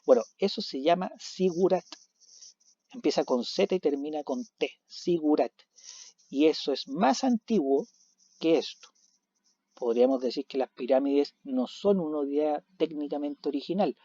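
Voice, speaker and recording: A man teaching a recorded video lesson, animated, asking questions and answering them himself. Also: medium pitch, no echo. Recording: dull lo-fi recording.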